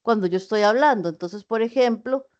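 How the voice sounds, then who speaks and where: A woman's voice: fairly high pitch, a little fast, a little mellow, lo-fi sound. A woman giving an online class lecture, patiently explaining with spoken examples. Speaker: teacher.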